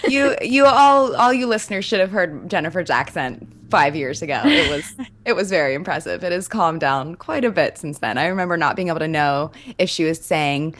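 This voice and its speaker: Casual podcast host, young woman with a slightly low voice and a relaxed, chatty read. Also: brisk. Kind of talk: casual chat and announcements.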